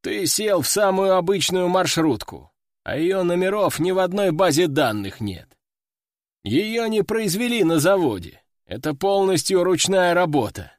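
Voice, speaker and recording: A man's voice: high-pitched, no echo, studio quality. A man voicing a mocking, brutal male squad commander in an audiobook, sneering and menacing. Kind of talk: audiobook character voice.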